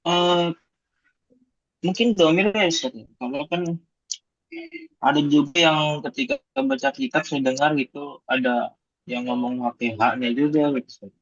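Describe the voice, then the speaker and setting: A man's voice: a little high, a little slow, pauses often, no room sound. A man asking questions in an online class, polite and hesitant, with many fillers. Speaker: student. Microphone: video call. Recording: dull lo-fi video call audio.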